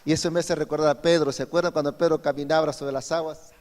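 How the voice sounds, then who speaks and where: A male pastor preaches a Sunday sermon in a church hall. His voice is somewhat high for a man, and he keeps asking his listeners rhetorical questions. The hall gives his voice a long, ringing reverb. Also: steady tone, fast talker, a little mellow. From Peru. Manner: asks the congregation frequent rhetorical questions.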